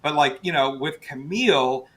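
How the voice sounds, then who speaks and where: A man talks as a guest meteorologist in an interview. He explains things in a conversational, halting way, leaning on certain words for emphasis. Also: a little high, bright, forceful tone. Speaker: guest, television chief meteorologist.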